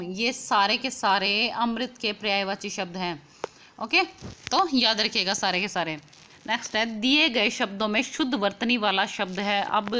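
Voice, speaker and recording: A woman's voice: mid-range voice, bright, forceful tone. A young woman teaching an exam quiz lesson online, explaining patiently, repeating key points and putting questions to the viewer.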